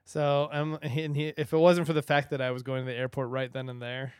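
A man's voice: medium pitch, monotone, brisk, clean tone, no room sound, clean studio sound. A man co-hosting a casual podcast, telling a rambling story and laughing often. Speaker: podcast co-host. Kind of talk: casual chat.

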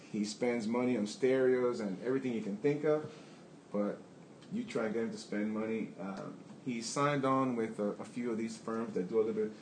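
Brief: candid male business owner, rambling restarts, deep-ish, faint room noise. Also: darkish tone, reverberant, low-quality recording. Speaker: plumbing business owner on a panel. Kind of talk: answering audience questions.

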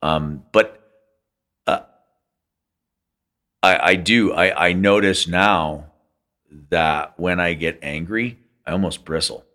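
A man's voice: low-pitched, slow pace, pauses often, bright, forceful tone. A man co-hosting a podcast, speaking earnestly and reflectively in casual conversation. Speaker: podcast co-host. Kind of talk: casual chat.

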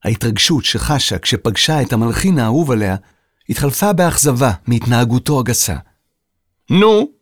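A man narrating a children's audio story in an expressive storytelling manner. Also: mid-range voice, no room sound, studio quality.

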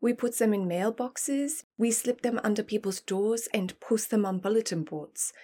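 A woman plays a spirited young student in her twenties who loves to tease her brother. Her voice has a husky, breathy edge, and she talks in a lively, quick-witted way. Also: mid-range voice, natural voice. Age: 20s. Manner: lively, teasing. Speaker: interview guest. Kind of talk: dramatized historical interview.

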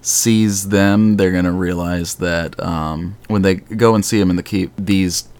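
A man chatting casually as a podcast host, rambling and animated, with the occasional swear. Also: low voice, a little slow. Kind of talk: casual fan discussion.

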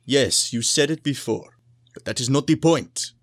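A man's voice: mid-range voice, moderate pace, no echo, lightly acted. A man voicing a proud, brooding long-eared stranger in a tabletop game, speaking in a terse, formal, commanding way. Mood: defensive brooding.

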